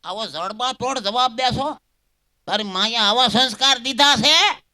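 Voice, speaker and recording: A man's voice: very high-pitched, unhurried, pushed and bright, clean tone, pitched above the performer's own voice, full character voice. A man voicing a bossy mother-in-law who sternly scolds her daughter-in-law. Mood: scolding.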